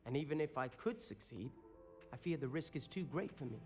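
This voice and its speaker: An actor playing an earnest, worried coffee shop owner in a video game who speaks hesitantly. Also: male voice, mid-range voice, expressive, a little fast, music in the background, lightly acted.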